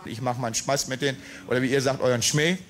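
A man's voice: mid-range voice, steady tone, fast talker, a little hiss or hum. A middle-aged man with a German accent, a market crier explaining himself in an interview at a handheld microphone. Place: outdoors at a market sales truck. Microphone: handheld reporter microphone.

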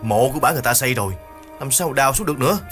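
A man voicing an irritable older man who scolds curtly, with soft music behind. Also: medium pitch, animated, racing, voice pushed up, natural voice. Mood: scolding. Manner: curt, scolding.

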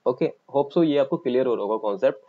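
A man with an Indian accent teaching a math lesson for exam coaching, explaining step by step and pausing as he writes. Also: mid-range voice, animated, phone-quality sound. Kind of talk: online exam-coaching lecture.

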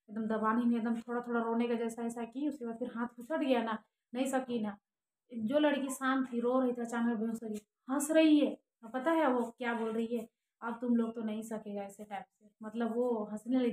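A young woman tells a story in a casual vlog, earnest and rambling, full of fillers. Her voice sits a little high and keeps a flat, even tone. The room around her is echoey. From Jharkhand, India. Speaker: vlogger.

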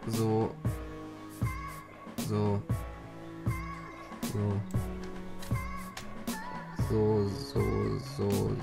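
Eine Frau kommentiert locker ihr Minecraft-Spiel, murmelt vor sich hin und ruft zwischendurch, über ein übersteuertes, verzerrt clippendes Mikrofon aufgenommen. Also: female voice, rumbling low, monotone, extremely slow, creaky, long pauses. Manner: mumbles to herself, fillers, sudden calls while playing. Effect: clipping, distorted overdriven mic. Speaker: Minecraft let's player. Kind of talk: casual gameplay commentary. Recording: clipping mic with game music behind.

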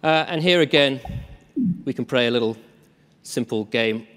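A man giving a relaxed, self-deprecating live tech demo on stage, with lots of ums. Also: medium pitch, moderate pace. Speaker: tech presenter. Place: large conference hall. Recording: long reverb of a large hall.

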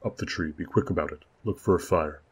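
A man voicing an arrogant young male lord who gives commands in a loud, haughty way. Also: low voice, steady tone, unhurried, breathy edge.

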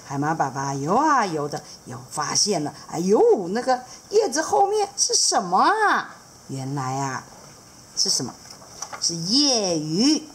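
Animated woman reading to children. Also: fairly low pitch, a little slow, slight background noise. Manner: animated, asks children questions. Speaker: children's art teacher, storyteller. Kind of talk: reading a picture book aloud to children.

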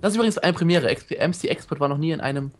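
A man hosts a group game session with rapid, excitable chatter. His voice sits a bit high, and he jumps into loud shouts and laughs. A faint hiss runs under the home recording. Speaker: gameplay video host. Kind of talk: casual multiplayer game chat.

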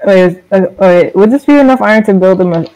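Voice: mid-range voice, fast talker, warm tone, highs cut off. A player chatting casually during a group game, playful, laughing and blurting out reactions. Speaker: gamer. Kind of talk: casual multiplayer game chat.

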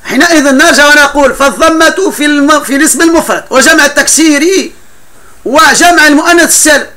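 A man's voice: very high-pitched, fast, sharp tone. A man teaching a classroom grammar lesson, explaining patiently with frequent laughs and broken-off restarts.

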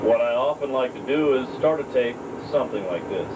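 A young man giving a deadpan, mock-serious self-help lesson to a home video camera in a motel room. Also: medium pitch, fairly quick. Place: motel room while out of town. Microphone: camcorder mic from across the room. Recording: distant camcorder audio, air conditioner hum.

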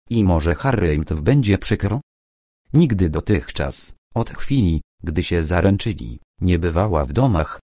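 A man reads an audiobook with a very deep voice, measured and even. He takes his time over each sentence. The recording is dry and close. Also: no room sound. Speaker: audiobook narrator. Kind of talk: scripted audiobook narration.

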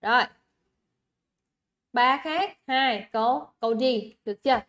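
Unhurried and fairly bright, her voice sits high. This young Vietnamese-accented woman teaches a livestream English exam review, chatting and coaxing, repeating words and making sure students are keeping up.

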